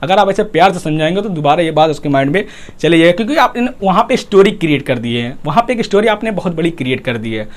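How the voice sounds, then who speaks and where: A man's voice: on the high side, animated, fast. A man, a motivational speaker, giving a talk on marriage that he lays out in numbered points with everyday examples, sometimes lifting into emphatic rhyming lines.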